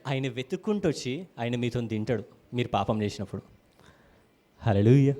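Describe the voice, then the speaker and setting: With a Telangana Telugu accent, a man preaches an animated sermon in a church, acting out quotes and calling hallelujah to the congregation. His voice is medium-pitched and his pace brisk.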